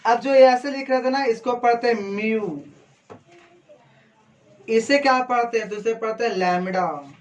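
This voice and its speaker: Coaching teacher at a board, mid-range voice, quizzes the class and supplies the answers, steady lecture pace. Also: mid-range voice, muffled recording. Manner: asks the class questions, then answers them, slow and deliberate. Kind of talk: classroom lecture, explaining physics prefixes and Greek symbols.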